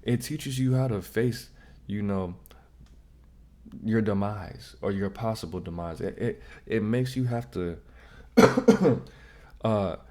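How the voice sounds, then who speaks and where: A man's voice: on the low side, slow, pauses often, a little mellow. A man hosting a casual reaction vlog, giving direct, slangy advice and often repeating himself. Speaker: vlog host.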